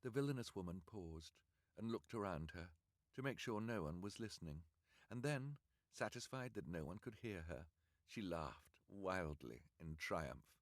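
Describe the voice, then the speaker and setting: A man reading an audiobook aloud on a livestream, in an expressive, measured way. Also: low-pitched, no room sound, studio quality. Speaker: audiobook reader.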